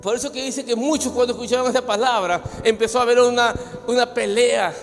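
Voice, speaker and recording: A man preaching a fervent sermon as pastor, his voice rising to shouts at times. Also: very high voice, fairly even intonation, brisk. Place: church. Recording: hall reverb with soft music behind.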